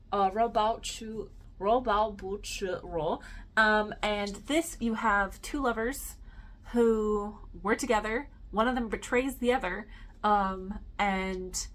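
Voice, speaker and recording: A woman's voice: medium pitch, a bit bright. A woman, a teacher, chatting casually and enthusiastically about books she loves, with lots of ums and some swearing. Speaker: book vlogger. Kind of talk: casual book review chat.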